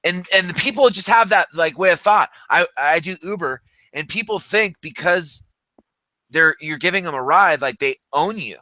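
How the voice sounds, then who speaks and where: A man's voice: on the high side, lively intonation, normal speed, pushed and bright, no echo. A man in his thirties telling stories in casual chat, rambling with many fillers and restarts. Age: 30s. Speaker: podcast co-host.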